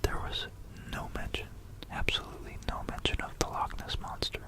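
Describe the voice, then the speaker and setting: Whispering in a breathy, voiceless way, an ASMR host drifts through a loose, informal history narration close to a binaural mic. The host hesitates, muses aloud, and keeps repeating phrases.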